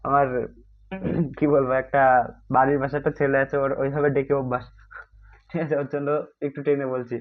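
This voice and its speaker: Brisk and level in tone, this medium-pitched man pauses often while running a chatty online grammar class for exam prep. He addresses students as "bhai", meaning brother, repeatedly checks "ঠিক আছে?" and mixes English terms. The sound is tinny and phone-like.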